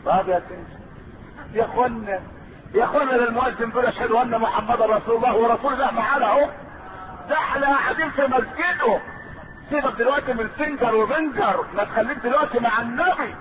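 A man preaching in an Egyptian accent, with dramatic delivery that stretches words slowly and rises into emotional cries. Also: very high voice, crowd noise. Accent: Egyptian Arabic. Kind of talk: impassioned sermon. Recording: noisy phone-like lo-fi tape.

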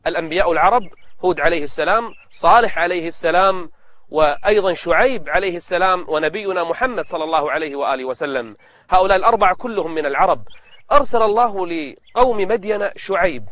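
A man with a distinctly high-pitched voice tells religious stories in formal standard Arabic. He speaks as a preacher and programme presenter, explaining the tales to his audience in a storytelling sermon style. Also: a bit bright. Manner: preacherly, explains between slow melodic recitations of scripture.

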